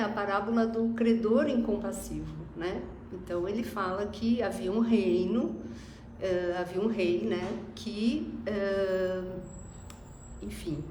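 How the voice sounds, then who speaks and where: A woman's voice: mid-range voice, darkish tone. A Brazilian woman giving a spiritist sermon, reflective and hesitant, often tagging sentences with a questioning filler. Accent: Brazilian Portuguese. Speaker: spiritist speaker. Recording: echoey room, faint noise.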